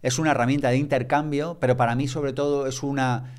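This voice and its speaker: A man's voice: mid-range voice, fairly even intonation, a little fast, darkish tone. A man, a podcast guest talking reflectively and with emphasis in a conversational way.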